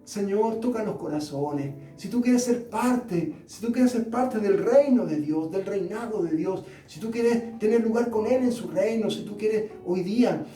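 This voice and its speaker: A man's voice: high voice, measured pace, hardly any pauses, mellow. A man leading a fervent church prayer, pleading and repeating the name of the Lord between phrases. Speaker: pastor. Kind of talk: fervent prayer over soft guitar. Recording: echoey room, distant mic, guitar behind.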